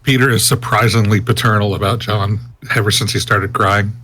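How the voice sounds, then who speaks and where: A man runs a tabletop game as game master, dry and matter-of-fact. His voice is low and husky. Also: fairly even intonation, a little fast, pushed and bright.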